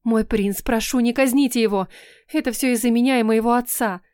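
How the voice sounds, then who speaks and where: Pleading young noblewoman, as a woman reads her, high and tearful, dry close sound. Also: fairly even intonation, a little fast, a little mellow, dry recording, close to an everyday voice. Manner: pleading, sobbing.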